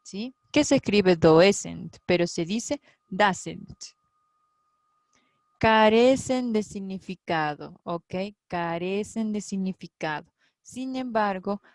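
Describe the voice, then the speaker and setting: A woman's voice: mid-range voice, darkish tone, dry recording. A woman teaching an English grammar lesson, explaining patiently and often checking in with her students.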